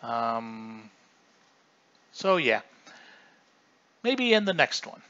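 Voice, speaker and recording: Man streamer, bright forceful voice, loose casual commentary, dull lo-fi home recording. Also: mid-range voice, sing-song, extremely slow. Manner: chatty, rambling, often restarts mid-sentence. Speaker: livestream host.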